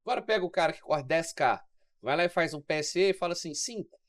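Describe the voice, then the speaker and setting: A man's voice: a little high, fast, dry recording. A man with a Mineiro Brazilian accent, chatting casually on a podcast as an exercise science guest and telling stories full of acted-out quoted dialogue. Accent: Mineiro Brazilian Portuguese.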